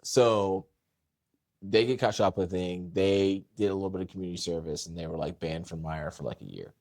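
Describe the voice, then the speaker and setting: Low-voiced man telling a rambling story. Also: brisk, vocal fry, no room sound, clean studio sound. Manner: rambling, animated, with many restarts and voiced impressions. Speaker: podcast co-host. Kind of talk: casual storytelling chat.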